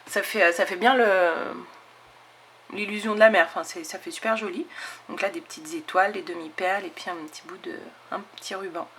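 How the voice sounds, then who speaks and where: A woman's voice: mid-range voice, steady tone, fairly quick, a bit bright, a little hiss or hum. A woman, eagerly showing scrapbooking crafts in a casual chat with her viewers. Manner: enthusiastic, chatty, lots of fillers and "hop". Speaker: scrapbooking channel host. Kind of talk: casual show-and-tell of craft mail.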